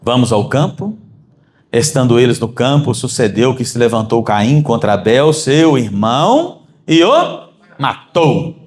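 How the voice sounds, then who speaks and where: A man's voice: mid-range voice, measured pace. A Brazilian man preaching a sermon to his congregation, calling them brothers and climbing to emphatic peaks. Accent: Brazilian Portuguese. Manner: animated, rising to emphatic peaks. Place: church.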